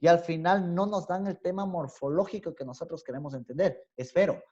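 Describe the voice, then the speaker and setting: A male university teacher with an Ecuadorian highland accent gives an online class lecture. He explains step by step and keeps checking in with a rising "¿sí?". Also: a little fast, darkish tone, slightly rough. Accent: Ecuadorian highland Spanish. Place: home room on a video call. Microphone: computer mic on a video call. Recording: dull, lo-fi video-call audio.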